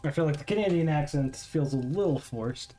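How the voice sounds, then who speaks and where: A man's voice: a little high, animated, a little fast, mellow, faint music behind. A man giving casual commentary while playing a mystery game, reading text aloud and musing. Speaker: let's play host.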